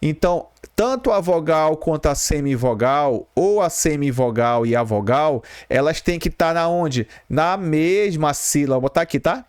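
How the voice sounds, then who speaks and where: A man's voice: a little high, expressive, normal speed, few pauses, clean tone, dry recording, clean studio sound. A man with a Brazilian Portuguese accent teaching an exam-prep grammar lesson, explaining step by step and repeating key terms while checking in with viewers.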